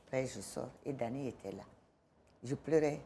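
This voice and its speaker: A woman's voice: very deep voice, normal speed, warm tone, a little hiss or hum. A woman giving a personal testimony on a talk show, animatedly acting out the dialogue as she tells it. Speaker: guest.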